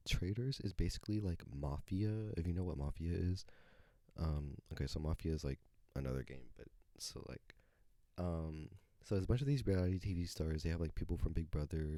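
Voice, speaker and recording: A man's voice: extremely low pitch, mellow, no echo, clean studio sound. A man hosting his own podcast, rambling casually with lots of fillers, swearing and self-corrections. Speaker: podcast host. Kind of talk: casual solo podcast chat.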